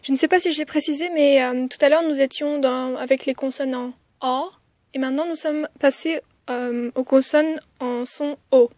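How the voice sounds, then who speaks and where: A woman's voice: sits high, steady tone, moderate pace, dry recording. A woman teaching a writing lesson step by step, with frequent "euh" hesitations and counting strokes aloud. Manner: counts strokes aloud, softly whispering some counts. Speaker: language teacher.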